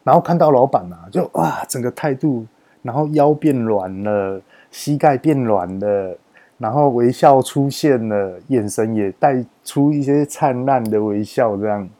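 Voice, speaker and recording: Speaking a little slowly in a mid-range voice, this podcast host recounts a work story with a Taiwanese Mandarin accent. He keeps it casual and animated, stretching the particles at the ends of sentences to emphasize them.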